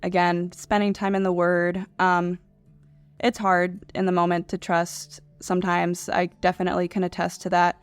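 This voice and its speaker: A woman's voice: fairly low pitch, monotone, normal speed, clear, resonant tone, no echo, soft background music. A woman, an admissions counselor, giving earnest, encouraging advice on a panel.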